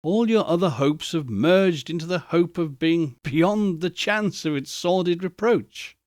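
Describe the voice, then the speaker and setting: A man voicing a gentle, sorrowful young woman in a storybook reading, soft, measured and resolute. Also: a little high, expressive, no room sound, clean studio sound, voice pushed up. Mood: gently reproachful.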